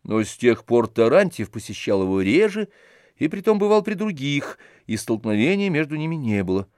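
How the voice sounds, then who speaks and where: A man's voice: medium pitch, sing-song, moderate pace, darkish tone, no room sound. Man narrating an audiobook, dry sound. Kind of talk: audiobook narration of a classic novel.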